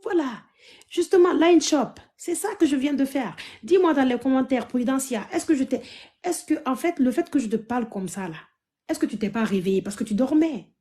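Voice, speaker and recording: Emphatic woman from Africa, loud and pleading. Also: high-pitched, lively intonation, normal speed. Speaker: live-stream host. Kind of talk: emotional live-stream talk to viewers.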